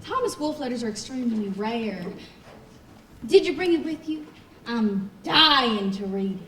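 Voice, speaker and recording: Young woman playing a sharp, dry-witted editor. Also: a little high, expressive, measured pace. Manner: crisp, dryly sardonic. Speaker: actor. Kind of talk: stage acting. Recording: roomy stage from far off, faint hiss.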